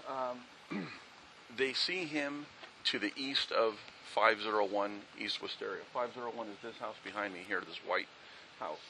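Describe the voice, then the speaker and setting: Male police officer, low gravelly voice, methodical on-scene briefing, outdoors, faint ambience. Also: measured pace, pushed and bright, slight background noise, rough recording. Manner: methodical, factual, with fillers.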